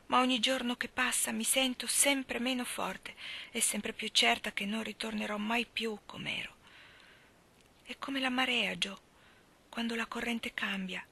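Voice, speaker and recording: A woman voicing a frail, gentle young woman who is ill and resigned, speaking softly in a hushed half-whisper. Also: a little high, creaky, breathy edge, full character voice.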